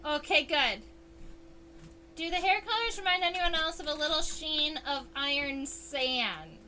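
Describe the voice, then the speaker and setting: A woman's voice: sits high, lively intonation, pushed and bright, a little hiss or hum. A woman entomologist hosting a casual livestream, explaining insect anatomy under a microscope and answering viewers' chat. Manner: chatty, unhurried, reads chat aloud.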